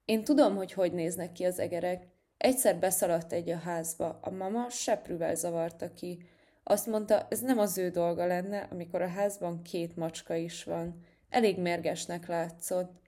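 A woman's voice: fairly low pitch, natural voice. A woman voicing an eager, curious little girl cat in a children's storybook. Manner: excited, eager.

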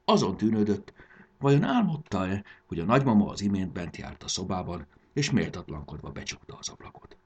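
A man narrating a children's story in a gentle, expressive reading. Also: deep voice, breathy edge, muffled recording.

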